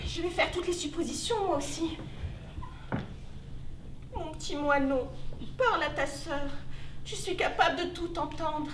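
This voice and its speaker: Woman playing a frantic big sister on stage, super high voice, mic far off. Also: measured pace, pauses often, background noise. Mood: coaxing. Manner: pleading, then shrill and panicky. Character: frantic older sister, pleading and scolding. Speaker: amateur stage actor. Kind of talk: stage play performance. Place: theater stage. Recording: echoey hall, distant camera.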